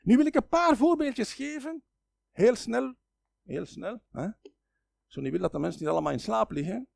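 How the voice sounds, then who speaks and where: Flemish male preacher, high gravelly voice, very lively delivery, dry close sound. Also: a little fast, dry recording. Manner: animated, dramatizes quoted speech with sudden loud and soft turns. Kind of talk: sermon.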